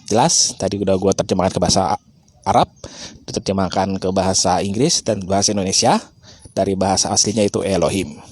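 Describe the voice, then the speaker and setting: Husky man arguing a point. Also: deep voice, fairly even intonation, fast, a little mellow. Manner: argumentative, rhetorical questions. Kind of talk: casual explanatory talk.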